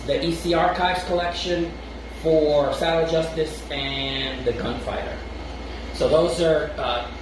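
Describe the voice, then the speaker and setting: This podcast co-host has a Brooklyn accent and a voice on the high side. He rambles through casual chat, restarts often, and laughs softly between thoughts, recorded off-mic from afar in a noisy, heavily echoing room.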